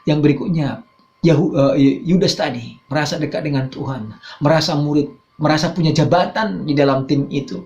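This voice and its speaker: A man preaching a sermon as pastor, swinging between raised emphatic phrases and low quiet asides. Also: normal speed. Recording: dull roomy church recording.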